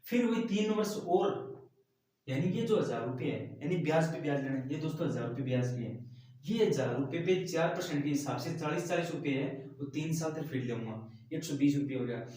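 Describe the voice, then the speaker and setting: A man's voice: a little high, dark tone. A man teaching a math lesson step by step, often addressing the class as friends. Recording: very echoey room, mic at a distance.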